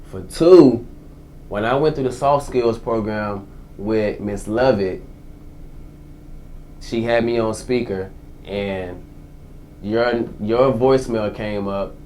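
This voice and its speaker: Twenties male interview guest, casual and slangy, low-pitched voice. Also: takes it slowly, pauses often, mellow, a little hiss or hum. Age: 20s. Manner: casual, slangy, repeats phrases. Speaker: guest, formerly incarcerated entrepreneur.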